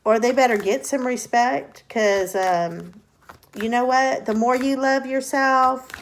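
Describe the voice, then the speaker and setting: A woman's voice: a little high, slow, a little hiss or hum. An older woman talking casually to camera as a tarot reader, blunt and profane, often laughing. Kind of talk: casual advice talk to camera.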